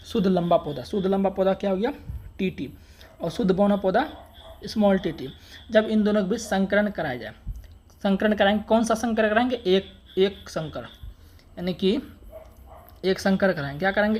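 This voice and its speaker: A man's voice: high-pitched, a little fast, long pauses, darkish tone, slight background noise. A man teaching an exam-prep science lesson, asking questions and answering them himself and calling his viewers friends and brother.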